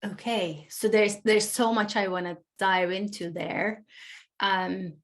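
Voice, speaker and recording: A woman's voice: medium pitch, steady tone, takes it slowly. A woman from Turkey hosting a podcast, asking a long, curious question with fillers and small restarts. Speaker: podcast host. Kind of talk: conversational interview.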